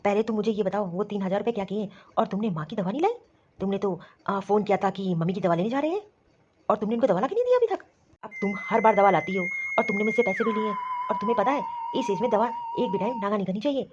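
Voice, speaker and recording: A woman voicing a worried son and scolding husband in an animated story, talking quickly and insistently. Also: mid-range voice, highs cut off, noisy background, close to an everyday voice. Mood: concerned, scolding. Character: grown son and worried husband, office worker.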